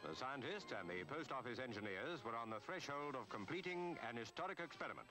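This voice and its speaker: A man's voice: mid-range voice, expressive, a little fast. Formal man narrating an old newsreel. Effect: old newsreel soundtrack, played from archive. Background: loud music.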